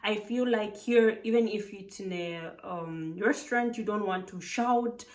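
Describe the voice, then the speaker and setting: Speaking unhurriedly in a darkish, medium-pitched voice, this Zambian vlogger who lives abroad offers casual, chatty advice. She is emphatic and leans on "like" constantly, and the mic is distant.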